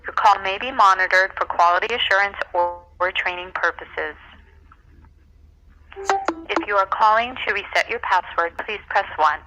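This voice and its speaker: A woman's recorded phone menu message, played back over a call, reading out formal options in a measured, scripted way. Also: mid-range voice, highs cut off, over loud music.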